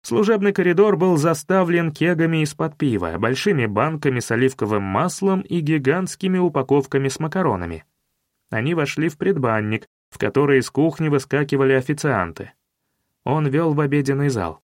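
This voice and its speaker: A man narrating a detective novel as an audiobook in a wry, measured storytelling manner. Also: fairly high pitch, expressive, no echo, studio quality.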